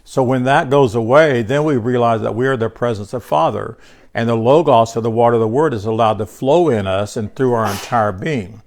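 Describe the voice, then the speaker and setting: Speaking briskly in a medium-pitched, darkish voice, an older bible teacher talks a small group through scripture conversationally. He is congested, restarts words often, and calls on listeners by name.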